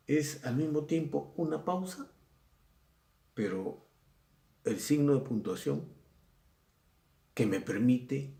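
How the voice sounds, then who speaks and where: A man's voice: mid-range voice, vocal fry, warm tone. A middle-aged man with a Peruvian accent, a secondary school language teacher giving a recorded lesson in a conversational way, often repeating himself and acting out examples. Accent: Peruvian Spanish. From Peru. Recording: echoey room.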